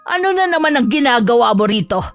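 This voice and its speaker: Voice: mid-range voice, very animated, fast talker, soft background music. Aling Viola, an actor doing a menacing old witch. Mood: hostile. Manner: cold and threatening. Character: stern, hostile old female witch who guards her garden. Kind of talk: Tagalog horror audio drama.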